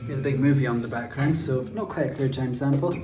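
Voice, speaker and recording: A man's voice: mid-range voice, quick pace, music in the background. A young man vlogging casually about transport, enthusiastically pointing out details of a lift he is filming on a handheld camera. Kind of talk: casual on-location commentary. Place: lift inside a mountain station. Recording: echoey room with loud ambient noise.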